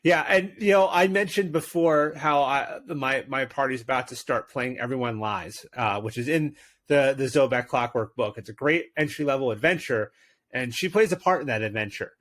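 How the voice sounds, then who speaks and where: An enthusiastic man co-hosts a tabletop game podcast at an ordinary mid pitch. He chats with plenty of fillers and slips into dramatic scene narration. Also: normal speed, a bit bright. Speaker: podcast co-host and game master. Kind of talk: casual chat and dramatic narration.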